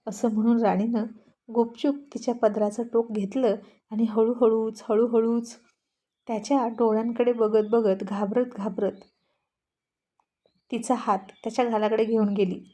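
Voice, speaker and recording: Mellow woman storyteller. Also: on the high side, flat delivery, a little slow. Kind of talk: storybook narration.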